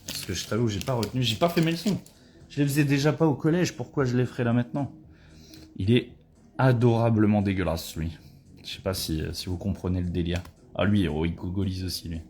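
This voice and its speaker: A man chatting casually during a live booster opening, excitable and swearing when he pulls a good card. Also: fairly low pitch, brisk, a little hiss or hum.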